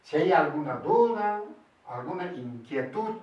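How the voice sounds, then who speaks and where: Man, language teacher, patient, step-by-step explaining, slow, reverberant room. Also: on the high side, expressive, lo-fi sound. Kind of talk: bilingual classroom lesson. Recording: very echoey room, voice from far off.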